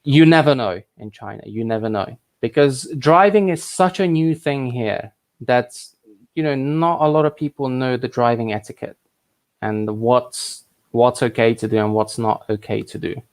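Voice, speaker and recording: A man's voice: medium pitch, moderate pace, a little mellow. Guy from hungary who grew up in england, live stream host, rambles and restarts a lot, medium voice. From Hungary, raised in England from thirteen. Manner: chatty and rambling, frequent restarts and asides. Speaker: livestream host answering viewer questions. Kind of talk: casual live stream chat.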